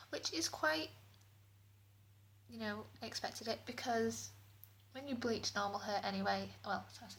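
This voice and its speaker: In an echoey indoor bathroom, with clear background noise audible, a British beauty vlogger offers a casual spoken product review. Her echoey voice sits on the high side and sounds a bit bright.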